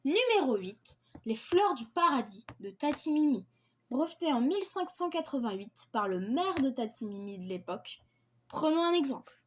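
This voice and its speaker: A woman's voice: sits high, very animated, normal speed, slight background noise. A woman presenting a list of dishes in a read-aloud style, repeating the same set phrases and stumbling now and then. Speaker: video creator presenting invented dishes.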